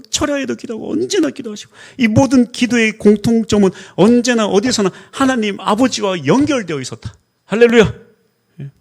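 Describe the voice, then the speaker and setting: A man's voice: on the high side, gravelly. A middle-aged man preaching a Sunday sermon as pastor, telling stories and acting out the dialogue in them. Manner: animated storytelling, acts out quoted dialogue.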